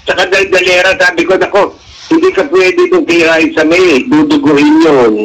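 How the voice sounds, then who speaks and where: Man, middle-aged, radio guest, raised voice, bright forceful tone, animated storytelling. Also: on the high side, moderate pace, low-quality recording. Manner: animated storyteller, acts out quoted dialogue. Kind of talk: casual radio interview chat.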